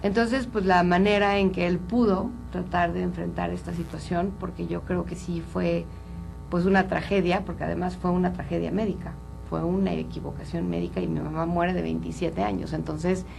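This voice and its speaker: A woman's voice: fairly low pitch, flat delivery, moderate pace, creaky, a little mellow, faint music behind, poor audio. A woman from Colombia, a psychologist speaking earnestly and openly as an interview guest. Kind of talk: candid interview talk.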